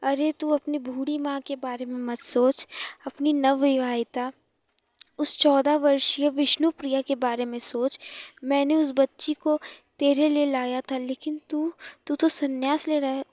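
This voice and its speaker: A woman's voice: high-pitched, flat delivery, measured pace, a little mellow, no echo. A woman voicing a grieving widowed mother who pleads tearfully with her son in a devotional story. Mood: pleading.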